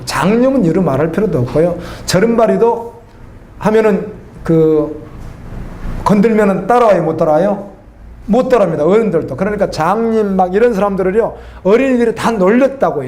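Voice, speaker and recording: A man's voice: sits high, animated, a little fast, a little mellow, roomy sound, slight background noise. A middle-aged man preaching a sermon as a pastor, talking conversationally and putting questions to the congregation. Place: church.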